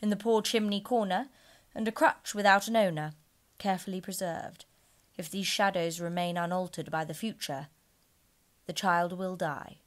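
A woman voicing a stern, solemn male ghost who speaks slowly and gravely in a storybook reading. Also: lowish voice, steady tone, close to an everyday voice. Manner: slow, grave and rebuking.

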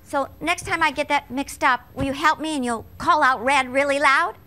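A woman's voice: sits high, normal speed, noisy background. A woman telling a story to children on a stage, playfully mixing up the words. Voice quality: playful, mixes up words on purpose. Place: stage before a child audience.

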